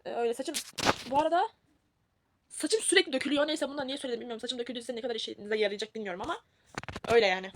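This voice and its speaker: A woman's voice: on the high side, racing, long pauses, background noise. A young woman, rambling and teasing herself as she films a casual packing vlog. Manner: chatty, rambling, self-mocking. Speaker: vlogger.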